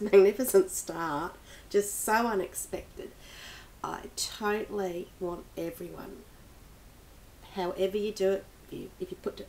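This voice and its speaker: A woman's voice: medium pitch, darkish tone, slight background noise. A woman reviewing books in a casual, rambling vlog, with many restarts and small laughs. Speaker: book vlogger. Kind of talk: casual book review chat.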